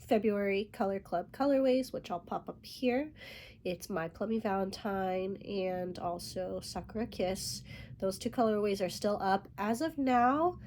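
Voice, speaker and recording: A woman's voice: mid-range voice, darkish tone, a little hiss or hum. A woman with a stuffed-up, nasal voice from a head cold, chatting casually as host of a knitting vlog, rambling with plenty of fillers. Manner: rambling, lots of fillers and light laughs. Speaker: yarn dyer and podcast host.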